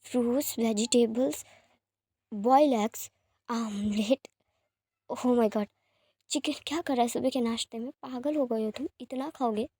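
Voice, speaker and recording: A woman voicing an anxious, excitable young man who frets over his missing child and scolds over breakfast. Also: fairly high pitch, a little slow, pauses often, breathy edge, no room sound. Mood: indignant.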